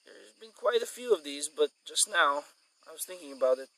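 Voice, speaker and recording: A man's voice: animated, brisk, fairly bright tone, low-quality recording. A man vlogging outdoors at a sunny resort in the morning, chatting in a loose, rambling way, with insects chirping behind him. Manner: rambling, chatty, coaxes a dog in a high voice. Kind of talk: casual outdoor vlog. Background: insects and crickets.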